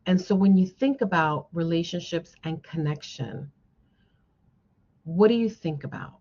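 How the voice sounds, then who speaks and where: A woman social worker, visiting as a guest speaker, gives an encouraging motivational talk to a class and often checks in with her listeners. Her voice is fairly low, warm, and measured in pace. The sound is dull, band-limited, and lo-fi.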